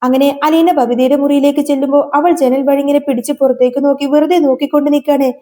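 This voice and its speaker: A woman's voice: sits high, fairly even intonation, quick pace, dark tone. A woman narrating a serial episode as a dramatic, emotional story retelling.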